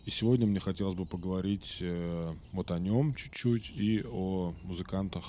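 Slightly sick and clearing his throat now and then, a podcast host with a low, dark, mellow voice tells a story in a loose, casual monologue at a moderate pace. He leans on fillers and corrects himself often, with faint background noise underneath.

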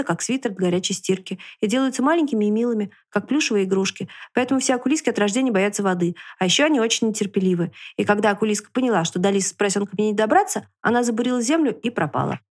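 A woman reading a children's story aloud on a podcast, with lively, expressive storytelling. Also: medium pitch, rapid-fire, few pauses. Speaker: reader on a podcast.

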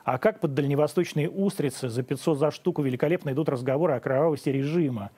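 Sarcastic male host, fairly high voice. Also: quick pace, warm tone, breathy edge. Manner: sarcastic, pointed. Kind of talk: opinion monologue and interview.

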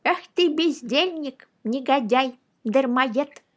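A woman voicing a blustering old male judge who scolds loudly in a storybook reading. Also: high-pitched, animated, slow pace. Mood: scolding. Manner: loud exclaiming scolding.

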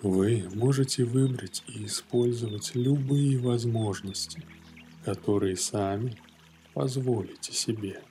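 A man narrating a guided morning meditation in a gentle, soothing yoga-teacher manner, leaving long pauses between phrases. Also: medium pitch. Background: soft music.

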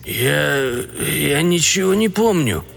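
A man voicing a frightened, drunk middle-aged projectionist who mumbles weakly and slowly, with a trembling voice. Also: fairly high pitch, very animated, vocal fry, fairly bright tone, husky, heavily acted. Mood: fearful. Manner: weak, trembling, slow mumbling. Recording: long reverb, faint music behind.

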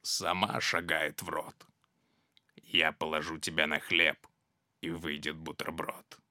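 Gruffalo, a deep gruff monster. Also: little pitch movement, sharp tone, no echo, clean studio sound, full character voice. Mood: greedy. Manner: slow booming, gruff storybook delivery. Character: huge clumsy monster, gruff and hungry. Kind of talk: storybook reading.

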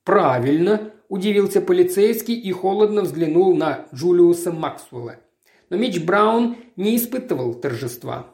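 A woman narrating an audiobook in a measured, even storytelling manner. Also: lowish voice. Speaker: audiobook reader. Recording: roomy echo.

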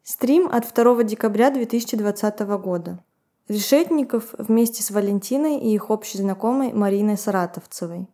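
A woman's voice: mid-range voice, fairly quick, dark tone. A woman co-hosting a podcast, retelling events and commenting with laughs. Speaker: podcast co-host. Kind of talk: podcast storytelling.

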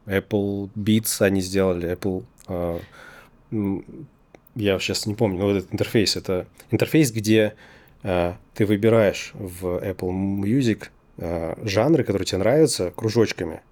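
A man with a low voice and a noticeable difficulty pronouncing the letter r. He speaks as an interview guest in a casual register, hesitating and drawing out pauses while he thinks through his answers. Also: darkish tone. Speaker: interview guest, design company executive.

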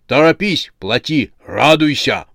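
A clamoring chorus of greedy living heads that bark out slogans at high volume, as a male narrator puts them on. Dry, close storybook recording. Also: animated, measured pace, gravelly, dry recording. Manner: loud chanting, shouted slogans.

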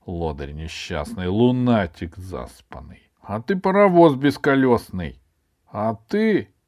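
A man's voice: lowish voice, big pitch swings, slow pace, a little mellow. A man doing a stern bossy schoolgirl. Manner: stern, commanding.

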